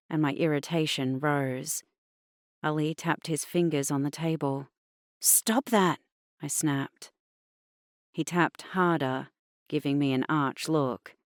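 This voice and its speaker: Low-voiced Australian woman narrating. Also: dry recording, studio quality. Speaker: audiobook narrator. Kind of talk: scripted narration.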